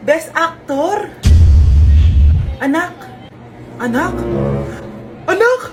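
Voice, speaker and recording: Woman, high voice, comedy sketch acting over loud background music, switches between characters. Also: animated, very slow. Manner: switches between mother, child and vendor characters. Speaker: comedy skit creator playing several roles. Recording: music playing behind.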